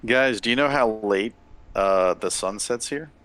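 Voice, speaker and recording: A man's voice: fairly low pitch, a little slow, fairly bright tone. A father chatting casually between turns of a tabletop game, rambling and talkative. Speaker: player.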